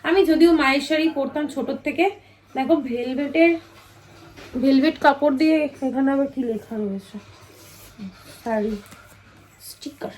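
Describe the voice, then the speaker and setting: A woman's voice: high voice, moderate pace, pauses often, slight background noise, poor audio. A woman chatting to viewers in a home vlog, showing things around her house. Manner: talking softly at night. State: tired and sleepy. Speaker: vlogger. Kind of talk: casual home vlog chat.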